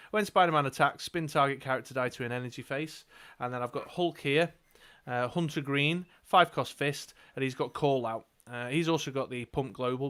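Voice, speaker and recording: A man with a mid-range voice chats at an easygoing pace about his card game team. He fills his talk with "uh" and "um" and reads card rules aloud. He keeps the tone casual and relaxed. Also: medium pitch. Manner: chatty, many fillers, reads out card text. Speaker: co-host of a dice game stream. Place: indoors at a gaming table.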